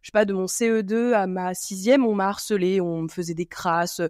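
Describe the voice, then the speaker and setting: A woman hosts a podcast in casual chat, rambling along with plenty of fillers and restarts. Her mid-range voice is steady and slightly dark at a moderate pace, recorded clean in a studio with no room sound.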